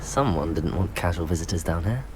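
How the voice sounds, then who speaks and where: A man playing a young wizard student in a video game, curious and composed, musing to himself in measured, scripted lines. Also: deep voice, expressive, background noise.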